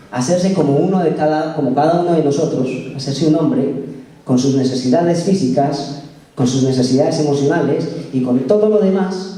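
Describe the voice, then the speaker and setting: A man gives a casual sermon and keeps asking his listeners questions. His voice is mellow and a little high for a man. He is picked up a distance in a very echoey meeting room. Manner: conversational, asks the congregation questions. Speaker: preacher.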